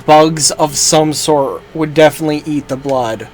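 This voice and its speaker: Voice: mid-range voice, moderate pace, darkish tone, slight background noise, low-quality recording. A game streamer giving casual live gameplay commentary in a joking, rambling, profane way.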